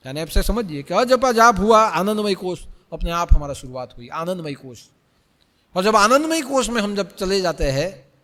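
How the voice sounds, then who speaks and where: Man as spiritual teacher, sermon delivery, repeats lines, loud then hushed, higher lively voice, long hall reverb. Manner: repeats phrases, swings between loud urging and soft hush. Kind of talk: Hindi spiritual discourse.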